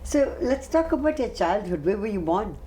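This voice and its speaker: A woman's voice: mid-range voice, very animated, moderate pace, slight background noise. A woman hosting an interview show, guiding the guest with questions and frequent short acknowledgements. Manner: warm, encouraging interviewer with many short acknowledgements. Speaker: talk show host.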